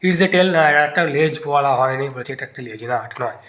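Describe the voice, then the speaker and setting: A man's voice: mid-range voice, expressive, fast, fairly bright tone. A man teaching an exam-prep lesson, thinking aloud as he tests each answer option in turn. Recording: echoey room.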